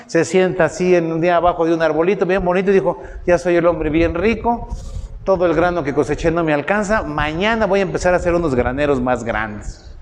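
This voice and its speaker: A middle-aged man with a Mexican accent preaching a sermon, telling folksy personal stories and voicing quotes with lively tag questions. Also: a little hiss or hum. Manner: folksy storytelling, voices quotes with rising pitch, tag questions. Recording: roomy hall with faint ambience.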